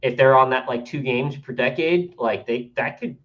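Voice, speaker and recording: A man's voice: medium pitch, normal speed, a bit bright. Rambling man on a muffled mic. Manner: chatty, rambling, mimics people. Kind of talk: casual gaming chat.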